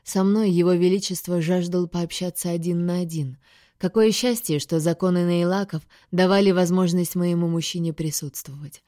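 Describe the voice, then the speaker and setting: A woman reading a first-person science-fiction audiobook in a steady, expressive way. Her voice sits low and mellow, recorded dry and close with no room sound. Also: normal speed, dry recording. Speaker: audiobook reader.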